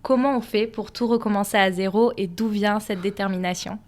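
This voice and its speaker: A woman's voice: mid-range voice, steady tone, a little fast. A woman interviewer politely asking prepared questions.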